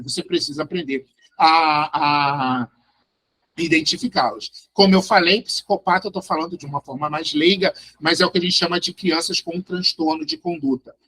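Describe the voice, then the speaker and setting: Speaking in a high-pitched, sharp voice, a Brazilian Portuguese-accented psychologist teaches a class live online. His delivery is emphatic and aimed directly at listeners, with a habit of adding a questioning "right?" to his sentences.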